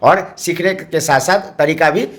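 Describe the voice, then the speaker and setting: A woman's voice: sits low, unhurried. A woman co-teaching a home French lesson as a parent, patiently explaining and repeating each answer back.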